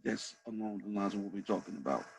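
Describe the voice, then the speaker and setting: A man's voice: fairly low pitch, expressive, quick pace, vocal fry, slight background noise, rough recording. A man, a head coach, telling a story casually and animatedly, repeating phrases for emphasis.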